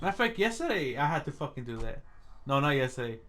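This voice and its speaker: A young man co-hosting a casual podcast, relaxed and swearing freely, laughing as he tells work stories. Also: medium pitch, quick pace. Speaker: podcast co-host. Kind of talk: casual chat.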